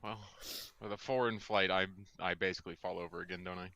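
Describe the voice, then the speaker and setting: A deep-voiced man with a sharp, bright edge to his tone, playing a tabletop game. He talks in dry, wry questions and sounds a little off-mic. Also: steady tone, fast, gravelly, muffled recording. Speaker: player.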